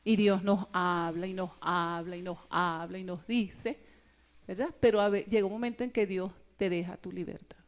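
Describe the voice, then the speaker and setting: A woman giving a personal testimony at a religious retreat, telling her story in a lively way and acting out the voices of the people in it. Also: lowish voice, moderate pace. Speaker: retreat speaker.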